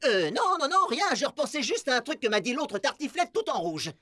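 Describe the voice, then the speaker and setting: A man's voice: very high-pitched, big pitch swings, fairly quick, sharp tone, dry recording, clean studio sound, heavily acted. A man voicing a vain, scheming cartoon villain posing as a heroic hedgehog, with a pompous, gloating and theatrical delivery. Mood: nervous covering. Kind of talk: animated series dubbing.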